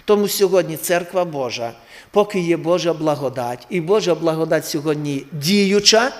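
A man preaching a sermon, calling out to his congregation with impassioned swings from hushed to loud exhortation. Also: a little high, expressive, moderate pace. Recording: long reverb of a large hall.

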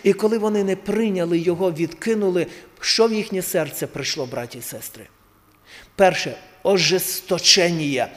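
A man preaching a sermon, calling out to his congregation with impassioned swings from hushed to loud exhortation. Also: sits high, normal speed. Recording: long reverb of a large hall.

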